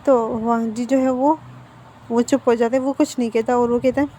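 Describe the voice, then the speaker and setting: A woman casually retelling a fan-fiction story in an informal, halting way. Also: fairly high pitch, fairly even intonation, mellow, a little hiss or hum.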